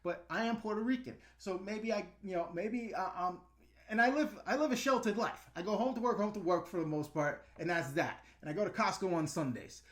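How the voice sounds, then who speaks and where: A middle-aged New Yorker hosts a casual YouTube livestream, answering chat with blunt rants and plenty of fillers. His voice is high-pitched and a bit bright, and he talks fairly quickly.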